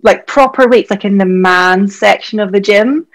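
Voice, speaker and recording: A Scottish woman in her thirties, a doctor and health coach, guests on a podcast and chats candidly in a casual conversation, dropping plenty of "like" fillers. Her voice is mid-range at a normal speed.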